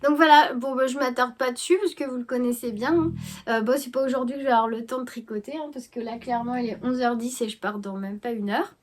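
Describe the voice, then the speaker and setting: Fast-talking and fairly even in intonation, this higher-voiced woman is a knitting vlogger casually telling viewers about her projects. A head cold leaves her sounding stuffy, and she stumbles along with plenty of fillers and restarts.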